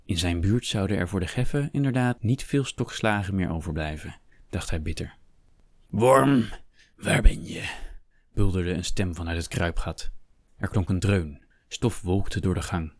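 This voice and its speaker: Deep-voiced male audiobook narrator. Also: moderate pace, darkish tone, dry recording, studio quality. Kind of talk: scripted story narration.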